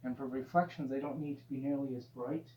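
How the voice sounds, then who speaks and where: A man teaching painting in a gentle, easygoing, encouraging way, casually talking through each step as he demonstrates. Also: mid-range voice, steady tone, fast. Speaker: painting instructor. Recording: dull, roomy sound with faint hum.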